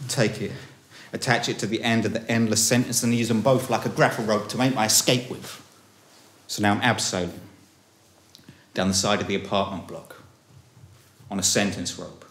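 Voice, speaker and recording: A young man performing a comic, self-mocking spoken-word story at a small live gig, dropping to low mutters and rising to panicky highs. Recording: roomy live room.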